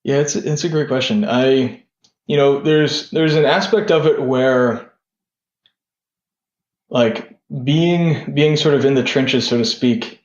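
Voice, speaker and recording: A young adult tech founder, appearing as a podcast guest, rambles slowly through casual interview talk, leaning heavily on fillers like "sort of" and "like." His voice is average in pitch and roomy, and the recording sounds dull and lo-fi.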